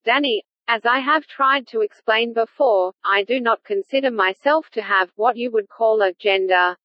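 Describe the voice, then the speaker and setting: A woman voicing a calm formal AI toy. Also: fairly high pitch, normal speed, no echo, muffled recording, close to an everyday voice. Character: gentle female AI in a toy.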